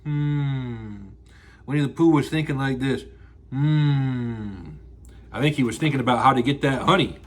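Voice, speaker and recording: A man's voice: medium pitch, very fast, few pauses, slightly rough. A man hosting a children's story time, reading aloud like a rambling, playful grandpa, drawing out and repeating words, with exclamations and sound effects. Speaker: children's storytelling show host. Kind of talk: animated read-aloud children's storytelling with asides to listeners.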